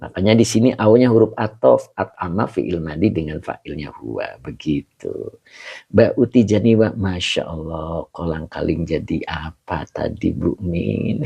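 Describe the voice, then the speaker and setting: A man's voice: sits low, measured pace, creaky, dark tone, breathy edge, muffled recording. A man teaching a live online Quran class, chatty, greeting viewers by name and chuckling often.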